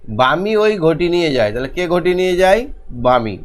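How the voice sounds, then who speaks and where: Man teaching small children, somewhat high voice. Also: big pitch swings. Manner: slow, deliberate, repeats questions for children. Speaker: primary school teacher, channel host. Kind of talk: online lesson for young children.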